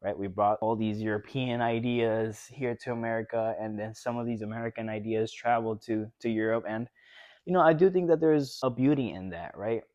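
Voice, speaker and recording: A man's voice: on the low side, brisk, a little mellow, no echo, lo-fi sound. Rambling man from Mexico, dry sound. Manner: rambling, leans on "you know" and tag questions. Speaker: podcast co-host. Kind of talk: casual chat.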